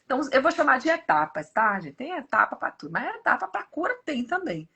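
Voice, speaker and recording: A woman's voice: high-pitched, fairly quick, gravelly, slightly rough. A woman in her fifties with a Brazilian Portuguese accent gives a casual devotional talk, often turning to her listeners as "gente". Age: 50s. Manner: animated, often turns to the audience as "gente".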